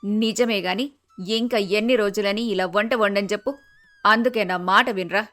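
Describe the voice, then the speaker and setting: Woman voicing a middle-aged mother, teasing, scolding, dry recording, soft music underneath. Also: medium pitch, steady tone, normal speed, dry recording, close to an everyday voice.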